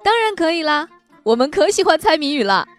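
A woman voicing an excitable young male monkey companion in a children's storybook. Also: very high voice, soft background music, pitched above the performer's own voice. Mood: excited. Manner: excited, quick. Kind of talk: storybook read-aloud for children.

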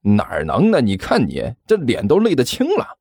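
A man's voice: mid-range voice, huge pitch swings, moderate pace, darkish tone, slightly rough, dry recording, studio quality, full character voice. A man doing a sly fake-friendly landlord. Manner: chatty, falsely cheerful. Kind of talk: audiobook character voice.

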